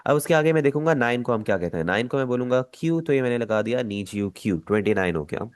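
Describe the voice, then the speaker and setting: A man with a Pakistani Urdu accent, teaching an online language lesson, patient and repeating each step slowly. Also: medium pitch, animated, no echo.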